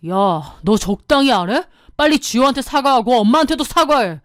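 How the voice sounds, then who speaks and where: A woman's voice: fairly high pitch, lively intonation, normal speed, no echo, studio quality, close to an everyday voice. A woman voicing an angry young husband who talks in a curt, scolding way.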